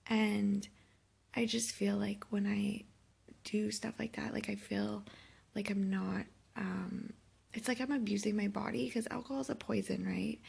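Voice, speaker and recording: Woman in her thirties, hungover and sick, heavy gravelly vocal fry, husky, weary halting confessional vlog talk. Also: medium pitch, fairly even intonation, darkish tone. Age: 30s. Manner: weary, self-reproachful, halting. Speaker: vlogger. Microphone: phone held by herself.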